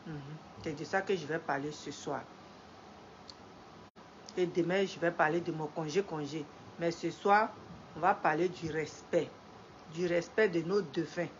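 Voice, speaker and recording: Speaking low and unhurriedly with long pauses, a middle-aged woman with a head cold greets her live-stream viewers and lectures them in a slow, moralizing way. She repeats phrases often and grows emphatic when preaching. The lo-fi audio is dull, with a noisy background and faint ambience.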